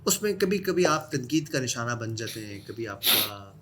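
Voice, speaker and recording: A man from Pakistan hosting a podcast, building long, measured questions for his guest. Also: medium pitch, big pitch swings, a bit bright, a little hiss or hum. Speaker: podcast host. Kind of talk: podcast interview.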